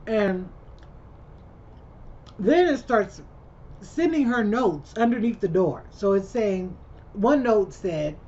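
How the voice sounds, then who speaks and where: A woman's voice: mid-range voice, lively intonation, takes it slowly, long pauses, dark tone. A woman vlogger casually retelling a movie plot, rambling along and chiming in with her own reactions. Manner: chatty, rambling storyteller who chimes in with her own reactions. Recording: slightly muffled with faint background hum.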